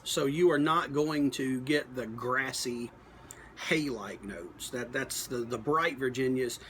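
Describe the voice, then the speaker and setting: Man, mid-pitched voice, casual review, halting and folksy, plain-spoken, noticeable background noise. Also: a bit bright. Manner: halting, thinking aloud. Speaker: pipe tobacco reviewer. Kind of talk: casual product review, unscripted talk.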